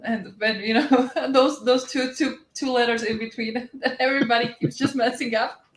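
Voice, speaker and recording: Casting: teasing female co-host, fairly high voice, echoey room sound. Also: fairly even intonation, normal speed. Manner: playful, teasing, stumbles over words. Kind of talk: casual chat.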